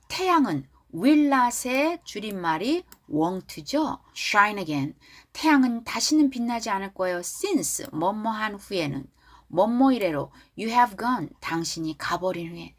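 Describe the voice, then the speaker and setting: A woman teaching the pronunciation of a pop song. She draws out the model phrases slowly and explains things quickly in between. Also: medium pitch, very animated. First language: Korean. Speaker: English teacher.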